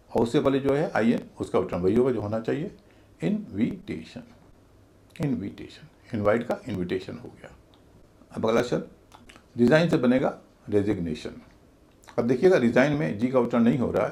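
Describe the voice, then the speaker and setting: A man's voice: medium pitch, a little mellow. A man teaching English pronunciation in a video class, spelling words letter by letter and chanting their stress patterns.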